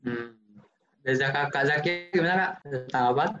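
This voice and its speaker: A man's voice: medium pitch, moderate pace, dull audio, over music. A man moderating a discussion, asking questions and handing the floor to panelists.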